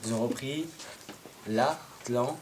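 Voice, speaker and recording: A man telling a Christmas tale to a live audience in a playful, animated way, sometimes singing and getting listeners to join in. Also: medium pitch, unhurried, very noisy. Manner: lively, playful, sings and gets the audience to join in. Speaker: storyteller. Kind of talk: oral storytelling to a live audience.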